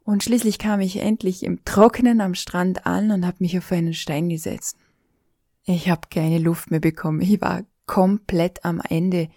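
A woman's voice: on the low side, fairly even intonation, a little slow, dark tone, no room sound, studio quality. A middle-aged woman with an Austrian accent, telling an emotional personal account in an intimate voice that often sinks to a whisper. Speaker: storyteller.

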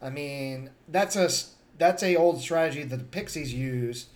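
A young man in casual chat as a podcast co-host, tipsy after a few beers, relaxed and rambling with playful teasing. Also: a little high, normal speed.

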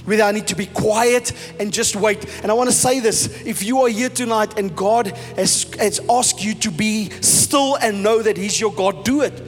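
Pastor, South African man, high voice, emphatic preaching, long hall echo with soft music behind. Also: moderate pace, hardly any pauses. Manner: emphatic preaching, mixing in Afrikaans phrases. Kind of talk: sermon.

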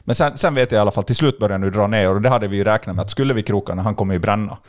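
Man, low voice, animated storyteller, casual chat, fillers and restarts. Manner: animated, acts out dialogue, lots of fillers and restarts. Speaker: podcast guest.

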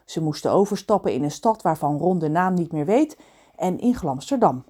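A woman narrating a children's story aloud in an expressive, lively reading style. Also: fairly low pitch, moderate pace, breathy edge. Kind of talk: audiobook storytelling.

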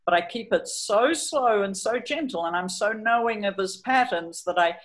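A woman's voice: medium pitch, lively intonation, normal speed. Chatty New horse trainer woman. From New Zealand. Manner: chatty, hesitant with fillers, voices her horse's thoughts. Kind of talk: explaining training over a video, storytelling.

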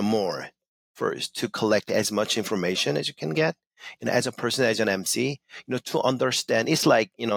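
In a radio studio, a Korean-American emcee and motivational speaker gives casual answers as an interview guest. His voice is low and gravelly yet fairly bright in tone, with no room sound, and he speaks earnestly but haltingly, full of fillers and restarts.

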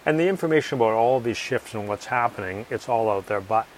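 A man's voice: mid-range voice, lively intonation, quick pace, a little hiss or hum, rough recording. A man being interviewed as an author, speaking confidently and emphatically, repeating his key points. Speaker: author and guest. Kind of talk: conversational interview.

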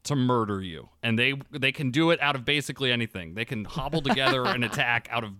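A man's voice: medium pitch, quick pace, pushed and bright, no echo, clean studio sound. A man hosting a casual game podcast, talking in an upbeat, loose way. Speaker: podcast host.

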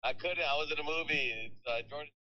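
Male caller on speakerphone, slightly high voice, deadpan teasing fan bit. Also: quick pace, muffled recording. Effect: speakerphone call. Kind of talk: joking casual phone chat.

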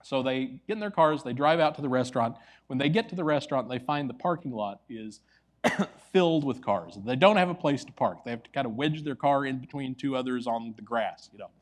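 Storytelling preacher, loud then hushed. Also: male voice, medium pitch, expressive, brisk. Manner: swings between loud and hushed. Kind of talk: sermon storytelling.

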